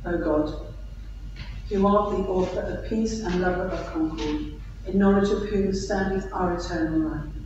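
A man with a fairly high voice reads the prayers of a church service in a measured, solemn way. He is picked up from far across a big stone church, so a heavy cathedral echo trails his words. The sound is dull and muffled, with steady hiss underneath. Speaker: officiant leading morning prayer. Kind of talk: formal liturgical reading. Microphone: distant room mic. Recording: muffled echoey church recording from far off, with noise.

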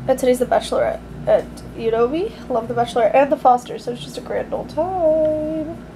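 A young woman chatting casually and excitably in a vlog, recorded on a handheld camera in a bedroom. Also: sits high, fairly quick, background noise. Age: young adult. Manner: excitable, gushing, informal. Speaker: vlogger. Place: small bedroom indoors. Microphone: handheld camera at arm's length.

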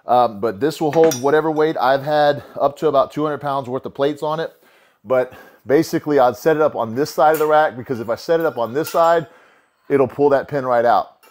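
Recorded indoors by a camera a few steps off, a thirties-aged home gym lifter walks through the DIY cable pulley rig in his garage gym. His medium-pitched voice moves briskly, and his casual, rambling talk is packed with fillers like "uh" and frequent restarts.

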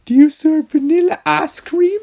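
A man voicing a perky young woman customer in a cafe game, in a squeaky falsetto with exaggerated sweetness. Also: steady tone, normal speed, creaky, darkish tone. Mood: chirpy.

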